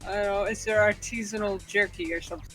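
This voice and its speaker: A woman's voice: medium pitch, steady tone, quick pace, music in the background. A woman playing a tabletop role-playing game, chatting casually through her character's actions. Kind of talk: casual role-play chat.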